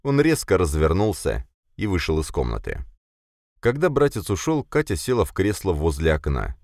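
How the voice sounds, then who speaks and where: A man with a very deep voice reads a first-person fantasy audiobook. His delivery is measured yet lively, with wide expressive swings in pitch. The sound is dry and close to the mic. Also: no echo. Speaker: audiobook narrator.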